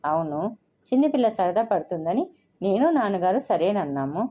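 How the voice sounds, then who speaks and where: A woman voicing a sarcastic, sharp-tongued middle-aged mother in a dull lo-fi recording. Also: mid-range voice, big pitch swings, normal speed. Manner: sarcastic, cutting.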